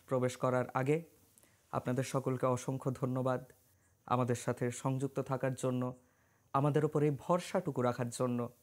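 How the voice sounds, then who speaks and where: Brief: male paranormal investigator from West Bengal, India; dramatic, measured storytelling monologue. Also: medium pitch, a little mellow. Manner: dramatic, measured delivery mixing English words.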